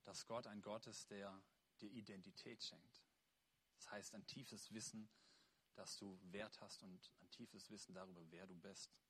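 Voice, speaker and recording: A man's voice: fairly low pitch, steady tone, unhurried, fairly bright tone. A man preaching, who first reads a Bible passage aloud and then explains it as a sermon, earnest and with small slips. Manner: husky voice, earnest reading with slips and self-corrections.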